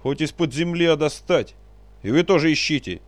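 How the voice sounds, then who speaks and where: A man's voice: mid-range voice, very animated, a little fast, dry recording, voice pushed up, natural voice. A man doing a barking, imperious boyar. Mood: furious. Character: angry stern male boyar, commanding.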